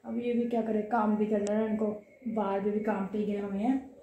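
A mother vlogging at home while unwell, her voice a bit hoarse from a cough, chatting on and rambling. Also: mid-range voice, flat delivery, moderate pace, mellow, dull audio, slight background noise. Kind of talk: casual home vlog. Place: home kitchen. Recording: echoey room.

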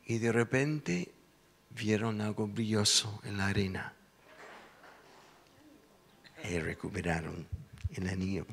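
Slow, gravelly-voiced male preacher. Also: fairly low pitch, in a large hall, slight background noise. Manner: lively storytelling, acts out the voices. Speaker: pastor. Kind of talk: sermon storytelling. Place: church sanctuary.

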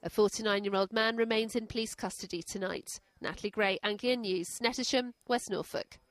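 A woman narrating a scripted news report as a reporter in a clear, crisp delivery. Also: medium pitch, a little fast, no room sound.

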